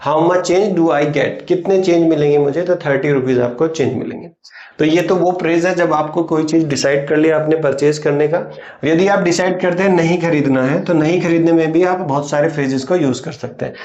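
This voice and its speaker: An Indian-accented man teaches an English lesson, spelling out each phrase slowly and clearly. His voice sits a little high for a man. The sound is dull and lo-fi, with a roomy echo around it. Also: a little mellow. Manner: explains in Hindi, models English phrases slowly. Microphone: writes on a board while teaching.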